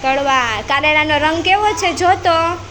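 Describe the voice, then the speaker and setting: A woman teaches a preschool class in a very high voice. She talks slowly and patiently and echoes every child's answer back to them. A faint hum of room noise sits behind her. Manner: slow, patient, repeats each child's answer. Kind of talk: classroom questioning of small children.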